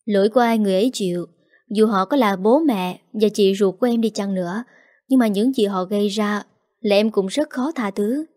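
A woman voicing a gentle younger brother, soft and choked. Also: medium pitch, brisk, natural voice. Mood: earnest. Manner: soft, soothing, choked with emotion.

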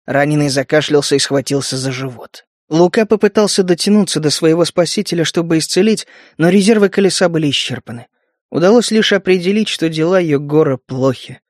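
A man narrates a story in a measured, steady reading voice that sits a little higher than most men's. The sound is close and completely dry, as from a studio mic, with no room echo at all. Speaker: audiobook narrator. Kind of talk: scripted narration.

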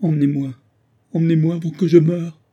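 A man's voice: mid-range voice, lively intonation, slow, husky, dull audio. A man reading an audiobook and voicing a frightened young bride who cries out. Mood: distraught. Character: pale trembling young bride.

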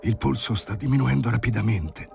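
A man voicing a timid male assistant doctor in an audiobook, speaking hushed and hoarse. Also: mid-range voice, a little fast, pitched above the performer's own voice. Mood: intimidated.

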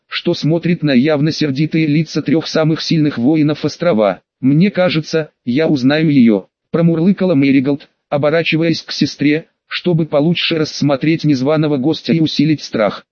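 A man's voice: fairly high pitch, darkish tone, no echo. A man reading an audiobook aloud, speaking evenly with hardly any change of voice for the characters. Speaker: audiobook reader. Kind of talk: audiobook narration. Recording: dull lo-fi close-miked sound.

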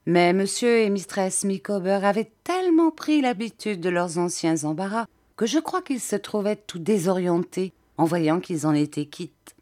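A woman reading a classic novel aloud as an audiobook, with even, clear storytelling. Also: on the low side. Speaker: audiobook reader.

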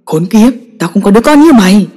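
A woman voicing a furious, domineering old father who shouts harsh commands at his daughter. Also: mid-range voice, animated, fast talker, slightly rough. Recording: long echoing reverb.

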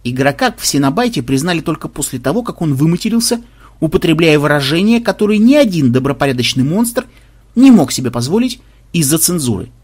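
A man narrating an audiobook with expressive, animated delivery. His pitch ranges widely, and the voice is husky and breathy. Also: a little fast. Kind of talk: audiobook reading.

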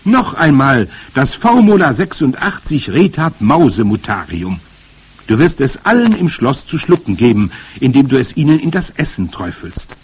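A man reading aloud plays a spirited, determined old grandmother who speaks in a brisk, emphatic and commanding way. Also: medium pitch, big pitch swings, breathy edge, pitched above the performer's own voice. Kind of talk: audiobook character voice.

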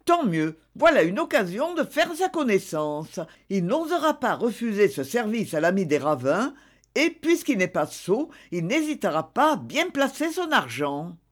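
A woman's voice: mid-range voice, very animated, moderate pace. A woman reading the part of an extravagant wife in a novel, theatrical and self-justifying. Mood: commanding. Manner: theatrical, pleading then commanding.

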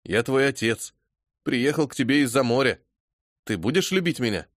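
A man voicing a grief-stricken young widower who bursts out in loud, anguished lines. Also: medium pitch, expressive, normal speed, no echo, studio quality, lightly acted. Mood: tender.

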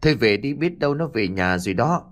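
A man voicing a patient village father who gently coaxes his daughter. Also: mid-range voice, lively intonation, brisk, close to an everyday voice. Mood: soothing. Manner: soothing, coaxing.

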